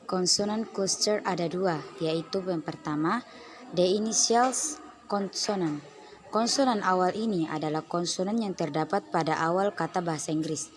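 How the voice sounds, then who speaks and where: A young woman presenting a phonology lesson as a student, reading steadily and slowing down on English example words. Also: fairly low pitch.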